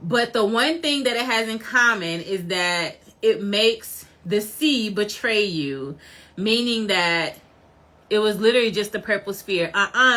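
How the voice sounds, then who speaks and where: A woman chatting casually as a vlogger, rambling and animated and laughing often. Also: mid-range voice. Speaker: vlogger reviewing a series. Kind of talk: casual chat.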